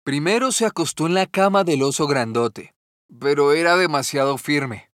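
A man narrating a children's fairy tale in a gentle, measured storytelling manner. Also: a little high, no echo, studio quality.

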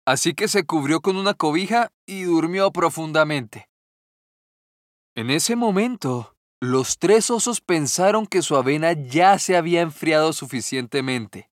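A man narrating a children's fairy tale in a gentle, measured storytelling manner. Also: fairly high pitch, no echo, studio quality.

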